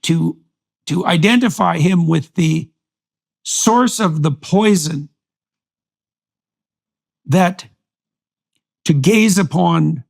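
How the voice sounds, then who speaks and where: Gravelly, husky man with a higher voice. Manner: halting, emphatic, searching for words. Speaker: host. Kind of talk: long-form conversation.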